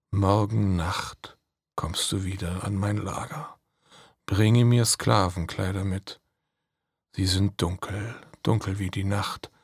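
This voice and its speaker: A man voicing a young captive princess who gives quiet, firm orders to her servant in a storybook tale. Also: husky, no echo, studio quality, heavily acted. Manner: low, quiet, firm commands.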